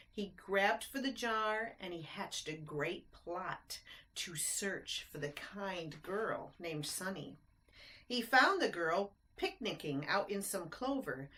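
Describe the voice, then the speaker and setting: There's slight background noise as a woman with a lowish voice reads a rhyming picture book aloud to children. Her reading is expressive, sprinkled with chatty asides that explain things and simple questions for the listeners.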